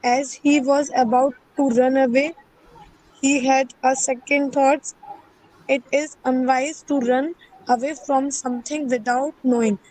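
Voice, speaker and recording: A woman's voice: high voice, steady tone, a little slow, a little mellow, dry recording, poor audio. A female student reading a story aloud, hesitantly and stumbling over words. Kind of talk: halting read-aloud of a story.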